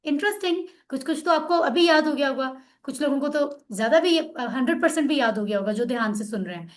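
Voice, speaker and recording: A woman's voice: sits high, fast talker. A woman teaching an online class, drilling words aloud and explaining patiently over a video call.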